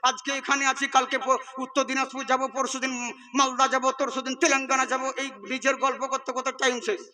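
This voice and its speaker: High, bright, fast-talking preacher. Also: male voice, little pitch movement. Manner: rapid, chatty storytelling with crowd asides. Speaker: Islamic preacher. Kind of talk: fast-paced sermon. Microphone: stage microphone.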